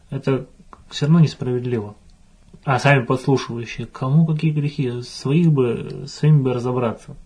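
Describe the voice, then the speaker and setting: A man's voice: medium pitch, darkish tone, slightly rough. A man, a priest, answering a listener's letter in a thoughtful, hesitant way with frequent restarts.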